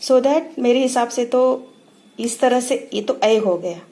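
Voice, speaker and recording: Slow, patient woman teaching phonics. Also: on the high side, warm tone. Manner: slow, repeats sounds for practice. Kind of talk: phonics lesson for parents.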